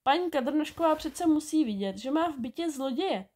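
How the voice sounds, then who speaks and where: A woman's voice: high voice, expressive, darkish tone, pitched above the performer's own voice. A woman voicing earnest schoolboy Mach. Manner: earnest and pleading.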